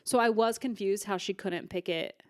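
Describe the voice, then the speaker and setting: A woman's voice: mid-range voice, normal speed, dry recording, studio quality. A woman co-hosting a podcast, chatting casually in a giggly way with lots of "like". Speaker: podcast co-host. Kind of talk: casual chat.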